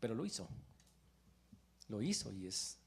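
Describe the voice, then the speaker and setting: Animated male preacher with gravelly voice. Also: fairly low pitch, measured pace. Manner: animated storytelling preaching with sudden exclamations. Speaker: pastor. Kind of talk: sermon. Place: church.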